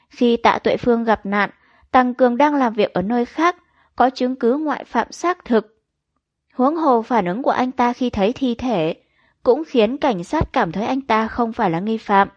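A woman reading a crime novel aloud as an audiobook narrator, in an even, measured storytelling manner. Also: a little high, no echo, dull audio. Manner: even, measured storytelling with quoted dialogue read in.

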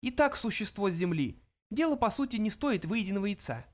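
A man's voice: high voice, very animated, a little fast, voice pushed up. Benjy, a cold haughty mouse voiced by a man. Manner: cold, dismissive, curt.

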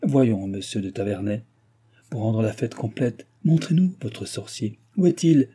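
A man's voice: fairly low pitch, expressive, unhurried, dark tone, husky. A man voicing a proud, teasing young royal princess in a lilting, raised court voice, read as an audiobook figure.

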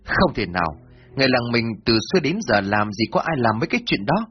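Man playing an older village chief, low, husky, earnest, lo-fi with soft music. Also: big pitch swings, fast. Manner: earnest, self-reproaching. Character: older male village chief, humble, remorseful. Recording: dull lo-fi, faint music.

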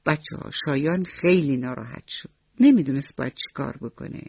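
A woman's voice: sits low, gravelly, slightly rough, no echo. A woman storyteller narrating a bedtime story for children, speaking tenderly and directly to them. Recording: dull lo-fi radio recording.

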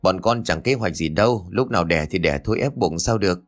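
A young merchant husband who speaks plainly and firmly, as a man voices him. The voice is low, with faint music under the storybook reading. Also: lively intonation, fairly quick.

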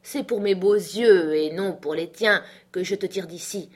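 A woman's voice: on the low side, a little slow, slightly rough. A woman voicing a boisterous middle-aged country doctor in an audiobook, brash and exclaiming. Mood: jovial. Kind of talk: audiobook character voice.

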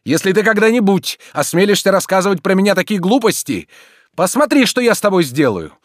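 A man doing an exasperated idle gentleman. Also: on the high side, lively intonation, normal speed, no echo, clean studio sound, voice pushed up, lightly acted. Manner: impatient, exasperated. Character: idle, irritable young male landowner.

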